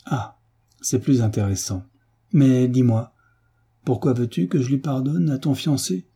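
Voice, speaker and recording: A man voicing a smug, mocking landowner who talks down to a peasant girl, in a husky voice. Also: mid-range voice, measured pace, mellow, heavily acted. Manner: smiling, teasing, condescending.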